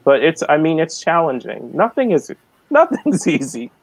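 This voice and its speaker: A man of forty from the American South, a guest artist talking slowly and hesitantly on a video call, with many ums. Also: a little high, very animated, no room sound, poor audio. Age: 40s. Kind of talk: casual video-call interview.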